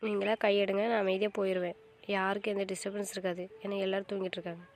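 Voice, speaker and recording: A woman's voice: medium pitch, rapid-fire, close to an everyday voice. An actress playing a young wife and new mother, hurt and stubborn, speaking coldly in a melodramatic family drama. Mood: cold anger. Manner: cold, flat, stubborn. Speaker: actor in a web drama.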